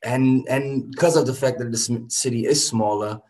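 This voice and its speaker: Man, halting speech. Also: medium pitch, rough recording. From Germany. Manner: hesitant, relaxed, many ums. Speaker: guest artist. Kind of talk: interview answers.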